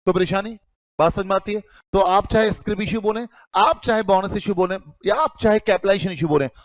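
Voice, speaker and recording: A man's voice: sits high, no echo. A man teaching accounting to a class, calling students "beta" and asking then answering his own questions. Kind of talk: classroom lecture.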